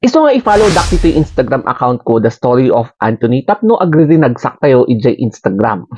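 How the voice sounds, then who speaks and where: A soft-spoken man from the Cordillera with a Cordilleran Ilocano accent, vlogging and explaining casually to camera with little chuckles between points. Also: medium pitch, very animated, moderate pace, husky, no echo. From Benguet, Cordillera, Philippines.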